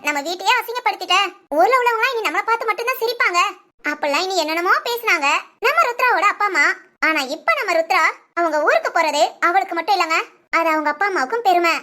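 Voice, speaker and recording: A woman tells a short story in a chatty style and keeps turning to speak straight to her listeners. Her voice is very high and bright, and she talks fast. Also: lively intonation. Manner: chatty, addresses listeners directly. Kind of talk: spoken short story narration.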